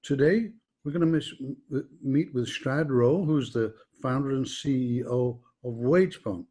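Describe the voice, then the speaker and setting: A man's voice: medium pitch, measured pace, warm tone, breathy edge. A man hosting a podcast interview, asking long, rambling questions full of fillers and restarts. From not from Canada. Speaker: podcast host.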